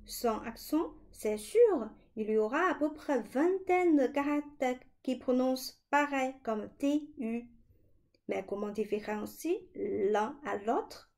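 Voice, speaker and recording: A woman teaching children a language lesson, slowly and clearly demonstrating sounds. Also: fairly high pitch, darkish tone.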